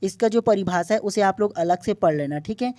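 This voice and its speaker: A male teacher gives an online exam-prep language lesson in a soft, mellow voice. He explains step by step and stretches out each example sound so students can copy it. The recording is dry and close. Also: high voice, a little fast, no echo. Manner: explains patiently and draws out example vowel sounds; checks in often with short "okay?" tags.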